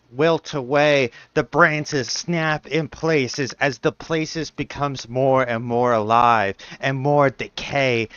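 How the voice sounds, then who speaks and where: A man narrating an improvised tabletop game as game master, in a measured, scene-building manner. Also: medium pitch, fairly bright tone, clean tone. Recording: dull audio in a roomy, echoing space.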